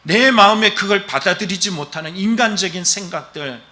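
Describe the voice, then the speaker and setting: A man's voice: high voice, a little fast, bright, forceful tone. A man pastor preaching a Sunday sermon in church, emphatic and exhorting, asking the congregation question after question. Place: church during a worship service.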